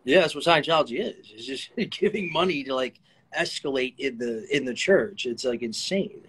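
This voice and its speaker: A young man chatting casually as a guest on a live stream, relaxed, filling his talk with "like" and "bro". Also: mid-range voice, moderate pace, slightly rough, low-quality recording. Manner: relaxed, says "like" and "bro" a lot.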